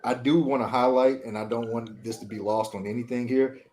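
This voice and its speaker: A man's voice: medium pitch, fairly even intonation, a little fast, darkish tone, slight background noise. A man co-hosting a casual podcast who rants in a blunt, profane way. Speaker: podcast co-host. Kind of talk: casual sports podcast chat.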